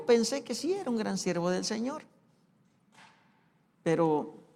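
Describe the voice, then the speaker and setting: A man preaching a sermon as pastor, asking slow rhetorical questions of the congregation. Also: very high voice. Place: church sanctuary. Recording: long hall reverb, live church recording.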